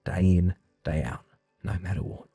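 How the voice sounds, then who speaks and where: A man calmly telling his own family story in the first person and voicing his part of the dialogue with reassuring warmth. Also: sits low, moderate pace, creaky, dry recording. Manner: calm, reassuring, heartfelt.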